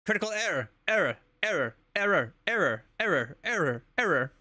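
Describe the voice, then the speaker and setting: A man voicing a malfunctioning security computer in a video game, reading out repeated errors in a flat monotone. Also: high voice, fairly quick, no echo, studio quality, full character voice. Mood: mechanical. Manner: monotone, repetitive error readouts.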